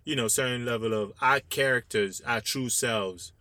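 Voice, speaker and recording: Bright-voiced man in a dry, close recording. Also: mid-range voice, moderate pace, no echo. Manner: discursive, rhetorical check-in questions. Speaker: podcast co-host. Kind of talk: casual panel discussion.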